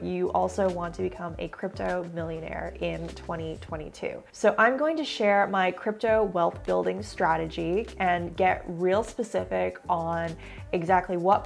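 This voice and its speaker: A woman's voice: fairly low pitch, gravelly. A young woman hosting her own video, talking casually and upbeat about her plans with a congested, stuffy voice, in a room at home. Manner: chatty, upbeat, fillers like "like". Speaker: crypto video host. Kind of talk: casual talking-head explainer. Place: home room under construction.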